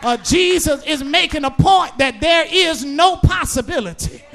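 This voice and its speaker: With a remarkably high, gravelly, tense voice, this preacher drives home every point by repeating it, shouting and half-singing in a slow, stretched-out sermon rhythm. His intonation is lively and forceful.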